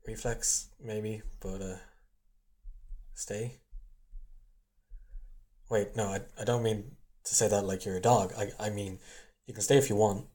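A man acts out an awkward young college student in an intimate audio role-play. His voice sits fairly low, and he speaks haltingly, stumbling over words like someone nervously confessing his feelings. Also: steady tone, mellow, natural voice. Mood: awkward, hesitant. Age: young adult. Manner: hesitant, stammering, halting, as if confessing.

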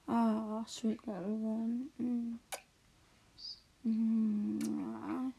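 In a slow, hushed ASMR roleplay, a woman with a fairly high pitch sounds calming and tender. Her mellow voice is gravelly with fry at the edges, and she often drifts down into whispers, keeping everything soft and soothing.

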